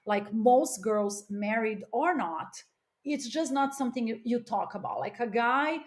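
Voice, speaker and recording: Unhurried and expressive, this fairly high-pitched speaker is a middle-aged woman from Los Angeles appearing as a podcast guest. Her chat is open and casual, emphatic, and sprinkled with "like" and "you know."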